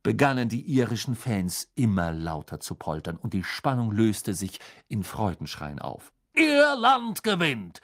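A man narrating an audiobook in a lively, expressive reading style. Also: on the low side, moderate pace, hardly any pauses. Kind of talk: scripted narration.

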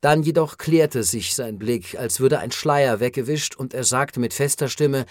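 Guy reading an audiobook, even steady narration, dry close sound. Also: mid-range voice, measured pace, dry recording. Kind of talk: scripted narration.

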